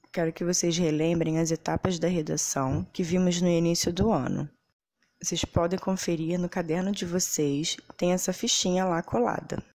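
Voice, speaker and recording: A woman's voice: lowish voice, a little mellow, slightly rough. A Brazilian woman teacher explaining a writing task in a patient, explanatory way, often checking in with tag questions. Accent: Brazilian Portuguese. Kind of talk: casual classroom instruction.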